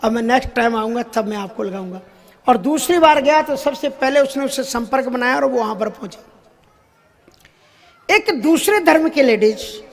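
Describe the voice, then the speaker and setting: A man with a notably high-pitched voice preaches a devotional sermon. He explains spiritual ideas through everyday anecdotes, chuckles along the way, and sometimes slips into English phrases.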